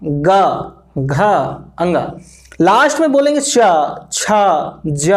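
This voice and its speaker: A man from India with an Indian accent teaching a grammar lesson, repeating phrases slowly as he writes and asking and answering his own questions. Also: very high-pitched. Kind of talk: classroom grammar lesson at a board.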